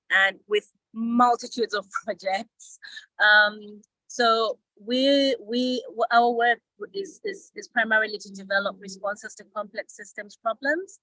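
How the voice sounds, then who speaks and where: A woman's voice: fairly high pitch, bright, forceful tone, dry recording, poor audio. A woman from Zambia, an organization director, explaining her work casually with fillers and the odd laugh.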